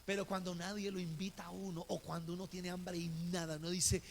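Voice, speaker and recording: High gravelly Colombian pastor preaching. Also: male voice, flat delivery, a little fast. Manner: storytelling, acting out dialogue. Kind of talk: sermon. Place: church. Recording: reverberant church hall with faint noise.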